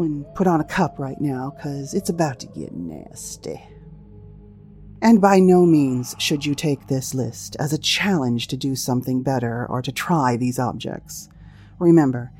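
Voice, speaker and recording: A woman's voice: deep voice, mellow, slightly rough. A woman hosting a humorous solo talk show, speaking in a wry, teasing way with theatrical asides to listeners. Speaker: host of a sex-topic show.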